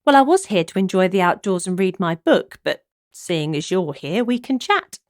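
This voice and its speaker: A woman's voice: fairly low pitch, very animated, moderate pace, no room sound, clean studio sound. A woman voicing a playful, flirtatious female amateur sleuth in a cozy mystery audiobook. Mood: casual, curious.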